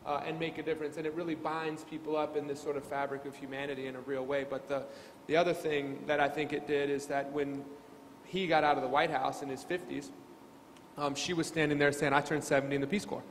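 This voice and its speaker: A man's voice: a little high, flat delivery, fairly quick, slight background noise. A man on a panel telling anecdotes with frequent restarts. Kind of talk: storytelling on a panel. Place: lecture hall. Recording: reverberant hall, faint ambience.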